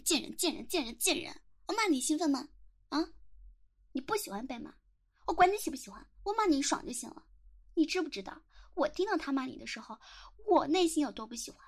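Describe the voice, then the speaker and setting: Audio role-play drama: young woman playing a possessive, contemptuous teen schoolgirl with a high voice, taunting, hurling nonstop abuse. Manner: sneering, taunting, bursts into relentless shouted insults. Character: jealous, domineering teenage girl classmate, contemptuous and possessive. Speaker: voice actor.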